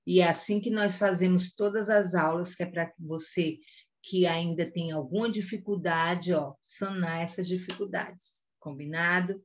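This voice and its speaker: A woman's voice: lowish voice, steady tone, normal speed, a little hiss or hum. A Brazilian woman teaching an online lesson to young children, patiently repeating instructions and checking they understood. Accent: Brazilian Portuguese. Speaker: first-grade teacher.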